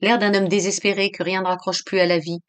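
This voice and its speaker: A woman reading aloud voices a tense, withdrawn young woman in a flat, toneless, low delivery. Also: fast, close to an everyday voice. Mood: grim.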